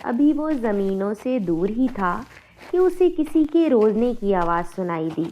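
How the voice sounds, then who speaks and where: A woman narrating a scripted cartoon moral story in an even storytelling voice. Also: medium pitch, measured pace. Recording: dull, muffled sound.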